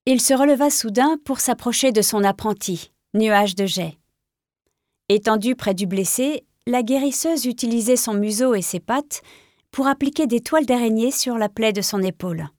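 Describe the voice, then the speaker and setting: A woman narrating an audiobook with a clear, expressive reading. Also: on the high side, normal speed, no echo, studio quality.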